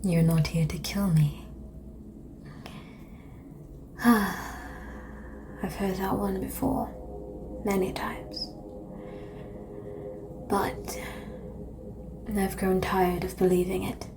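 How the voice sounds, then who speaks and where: In an ASMR roleplay, a woman plays a seductive, world-weary vampire, calm and teasing, with a breathy whisper and languid, formal phrasing. She speaks at medium pitch, slowly, pausing often.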